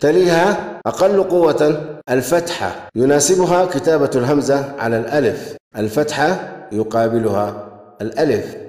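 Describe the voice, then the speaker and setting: A man teaching a grammar lesson, asking questions and then praising the answers, and reading example words slowly and carefully. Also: mid-range voice, darkish tone. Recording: echoey room with long reverb.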